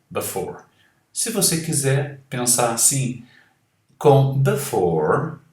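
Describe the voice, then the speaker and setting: A man with a Brazilian Portuguese accent giving an online English lesson, explaining words slowly and spelling out letters. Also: medium pitch, echoey room, recorded from a distance. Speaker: English teacher.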